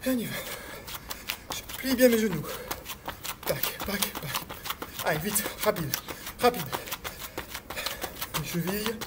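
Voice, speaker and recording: A fitness coach with a high, expressive voice talks at a measured pace with long pauses as he leads a cardio workout he's also doing. He hesitates with many fillers, counts beats aloud, urges more speed and sounds a little out of breath, all on a noisy recording with clicks.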